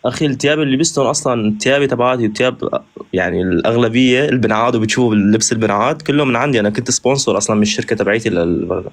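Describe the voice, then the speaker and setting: Man, very fast talker, hesitant, polite, evasive, casual chat. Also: medium pitch. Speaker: reality show contestant.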